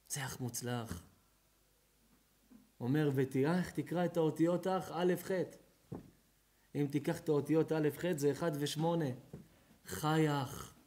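A male rabbi giving an impassioned sermon, moving from quiet, low murmurs to high, shouted outbursts, with many repetitions and dramatic pauses. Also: slight background noise. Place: home event hall at a bar mitzvah.

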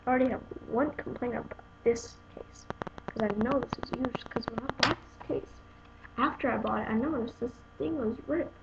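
Casually unboxing and reviewing a phone case, this young woman vlogger rambles to her viewers, clearly exasperated. She has a fairly high voice with vocal fry at normal speed, captured in a dull lo-fi home video with background noise.

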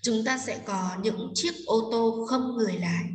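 A woman teacher patiently explaining a textbook exercise to students, often pausing with fillers and asking if they follow. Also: on the high side. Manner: patient, explanatory, with frequent hesitation fillers and check-in questions. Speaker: English teacher. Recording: echoey room, mic far off, faint noise.

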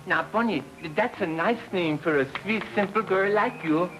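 A man playing a gentle, fussy elephant keeper. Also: high-pitched, moderate pace, lightly acted, poor audio. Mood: coaxing. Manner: soft, coaxing and fussy. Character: gentle, sweet-natured man doting on his elephant. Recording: 1940s film soundtrack with music.

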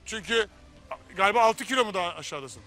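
A man's voice: high-pitched, animated, fast, sharp tone. A man hosting a reality competition show, welcoming a contestant in an upbeat, announcing manner. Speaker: show host.

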